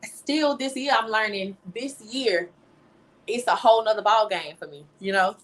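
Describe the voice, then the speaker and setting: A young American woman, a teacher and singer-songwriter, answers interview questions casually and emphatically, often tossing in "you know." Her voice is medium-pitched and fairly bright, her pace moderate, and the recording is rough.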